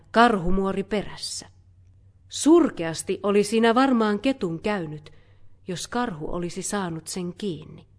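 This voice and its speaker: A woman narrating a children's fairy tale in a calm, measured read-aloud voice. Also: mid-range voice. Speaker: storyteller.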